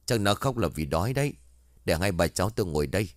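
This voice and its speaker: A man's voice: sits low, lively intonation, fast talker, dry recording, clean studio sound. A man voicing a blunt old grandmother. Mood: brisk.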